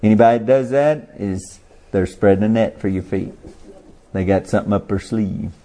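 Guy preaching, folksy, mellow dark voice, keeps asking the crowd questions. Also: lowish voice, normal speed. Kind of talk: sermon.

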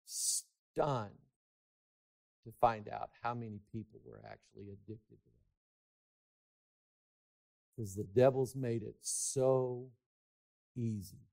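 Delivering a sermon in a creaky voice on the low side, this man alternates between shouted emphasis and hushed asides, drawing out key words for effect.

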